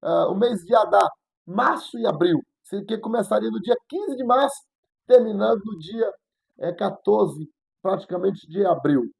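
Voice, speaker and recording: Husky, gravelly Brazilian woman teaching. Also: medium pitch, a little slow, low-quality recording. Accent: Brazilian Portuguese. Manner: animated storytelling, repeats phrases. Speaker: Bible lesson teacher. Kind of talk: Sunday school Bible lesson.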